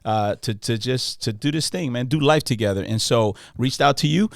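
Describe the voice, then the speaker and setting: A Los man hosts a casual podcast chat, loose and friendly, trailing into slang and restarting his sentences. His voice sits at an ordinary middle pitch. The sound is dry and close. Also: normal speed, creaky, no echo. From Los Angeles. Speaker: podcast host.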